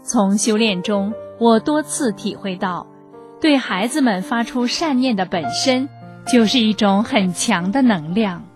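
A woman reading a scripted radio narration in a measured, even way. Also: mid-range voice, over music.

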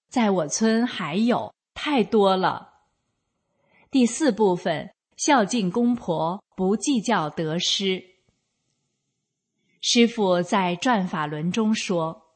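Slow, measured woman reading aloud. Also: medium pitch, breathy edge. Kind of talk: scripted reading of a first-person account.

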